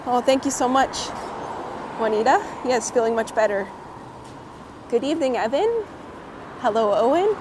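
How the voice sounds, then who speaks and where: A friendly walking vlogger streams live from a windy city street, greeting viewers by name and laughing a lot in casual chat. Her slightly high voice is animated at normal speed with frequent pauses, a bit hoarse from a cold she's recovering from. City traffic and wind come through her clip-on coat mic.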